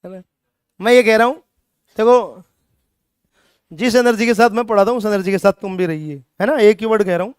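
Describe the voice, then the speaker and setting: This is a man lecturing a chemistry class with plenty of drive. His voice sits very high and rings smooth and resonant. He keeps teasing the students with rhetorical questions, and the recording is close and dry. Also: fairly quick, long pauses, dry recording. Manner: energetic, scolding students playfully with rhetorical questions. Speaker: chemistry teacher.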